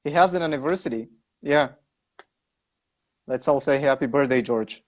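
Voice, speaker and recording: A man's voice: medium pitch, moderate pace. Male guest poet on a live stream, wry and joking, casual.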